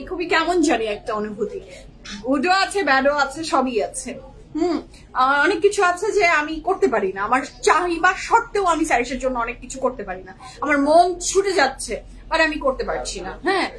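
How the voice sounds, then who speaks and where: Very high-voiced woman hosting a live clothing sale. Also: fairly bright tone, poor audio. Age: young adult or 30s, a working mother. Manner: gushing, mixes English into Bengali.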